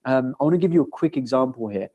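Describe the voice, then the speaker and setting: A man's voice: medium pitch, animated, fast talker, muffled recording. A young man answering audience questions in a casual lecture, earnest and conversational, often restarting his sentences.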